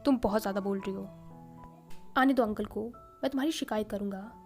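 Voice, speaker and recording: A woman's voice: mid-range voice, fairly quick, soft background music, natural voice. Teasing elder brother, read by a woman. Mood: teasing, easygoing. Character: young man, calm, teasing elder brother.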